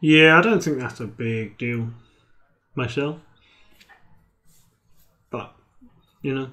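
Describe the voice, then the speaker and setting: A man's voice: medium pitch, slow pace, sharp tone. A man, co-commentating a card game match with dry, teasing banter. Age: 30s. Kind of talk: casual live match commentary.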